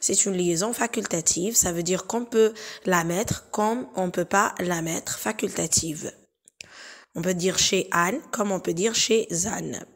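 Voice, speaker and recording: A woman teacher talks through exam exercises at an unhurried, deliberate pace. Her voice sits somewhat low, and she pauses often with fillers and restarts. She repeats each example phrase patiently, one at a time. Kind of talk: explaining exam exercises in a recorded lesson.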